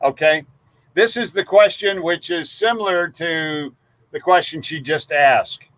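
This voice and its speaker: A man's voice: on the high side, unhurried, fairly bright tone, no echo. A man co-hosting a casual live stream, folksy and chatty, rattling off viewer guesses. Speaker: livestream co-host.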